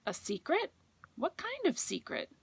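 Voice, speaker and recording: A woman's voice: very high voice, huge pitch swings, measured pace, vocal fry, full character voice. A woman voicing a clingy, curious little boy raccoon in a storybook read to a toddler, with childlike pleading and questioning.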